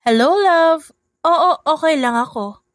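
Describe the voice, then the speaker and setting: A woman's voice: a little high, animated, normal speed, dry recording, clean studio sound, close to an everyday voice. Woman voicing a two-faced scheming stepmother. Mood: sugary. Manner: sharp, scornful, sugary when on calls.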